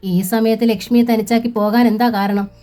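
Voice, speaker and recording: A woman's voice: fairly high pitch, little pitch movement, moderate pace, mellow, faint music behind, pitched above the performer's own voice, lightly acted. A woman voicing a worried, outspoken middle-aged sister-in-law who lectures in a fretful tone, in a storybook reading.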